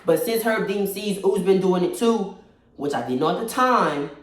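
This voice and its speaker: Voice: mid-range voice, expressive, normal speed. Echoey, emphatic fight commentator, slightly distant. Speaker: combat sports commentator. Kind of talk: casual fight-analysis commentary. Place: echoey space. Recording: very echoey room, distant mic.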